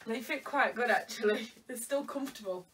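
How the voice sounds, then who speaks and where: A weary vlogger in her bedroom jokes around with someone off camera while trying on clothes, speaking briskly in a fairly high voice. The camera sits across the room, so she sounds far away, with a noisy background.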